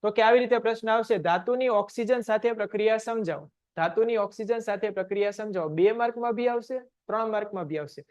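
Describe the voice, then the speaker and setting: A man teaches a science lesson online. He fires short questions at the class and answers them himself in a steady drilling rhythm. The audio is dull and lo-fi. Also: sits high, quick pace, hardly any pauses.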